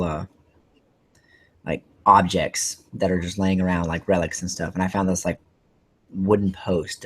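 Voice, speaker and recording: A man hosting a casual podcast, rambling excitedly with lots of fillers and restarts. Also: deep voice, breathy edge. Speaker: podcast host.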